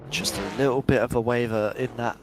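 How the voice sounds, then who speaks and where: A man's voice: medium pitch, fairly quick, background noise. A young man giving chatty, upbeat play-by-play commentary on a virtual drift event and reading out live chat.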